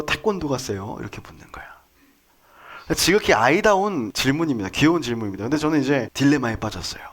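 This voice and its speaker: A man in his thirties preaching with a lively, swinging pitch. He tells the story casually and jokes along the way, often turning to the congregation with questions. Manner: conversational, jokey, asks the congregation questions. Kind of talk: sermon with storytelling.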